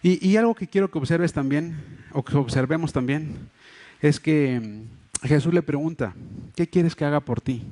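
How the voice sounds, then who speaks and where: Earnest Mexico City pastor preaching. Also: male voice, a little high, moderate pace, mellow. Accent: Mexico City Spanish. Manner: explanatory, earnest, many fillers and restarts. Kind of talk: sermon. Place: church hall. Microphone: livestream microphone.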